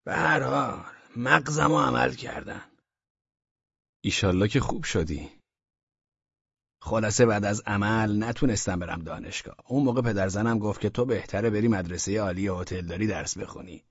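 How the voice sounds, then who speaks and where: A man's voice: on the low side, vocal fry, a bit bright, breathy edge, no room sound, dull audio, voice pushed down, exaggerated voice. A man voicing a boastful, talkative grown man who complains while telling his own story in an audiobook. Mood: aggrieved boasting. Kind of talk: audiobook character reading.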